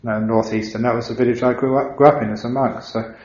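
An Englishman who is a Buddhist monk, giving a dharma talk in an unhurried, reflective storytelling way with gentle humor. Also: medium pitch, steady tone. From England. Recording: dull, roomy recording.

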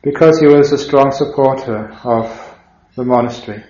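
An Englishman who is a Buddhist monk, giving a dharma talk in an unhurried, reflective storytelling way with gentle humor. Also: medium pitch. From England. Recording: dull, roomy recording.

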